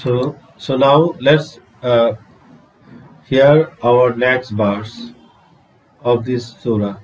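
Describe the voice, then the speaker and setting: Slow Bangladeshi man teaching vocabulary. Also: medium pitch, poor audio. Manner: drawn-out pronunciation drills, repeating words. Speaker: English teacher. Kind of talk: slow vocabulary lesson mixing English and Bangla.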